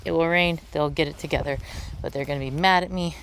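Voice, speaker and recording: A woman giving a casual, rambling garden tour in an offhand, self-deprecating way, recorded outdoors with a tractor rumbling behind her. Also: quick pace, low-quality recording. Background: tractor rumbling, vehicle noise.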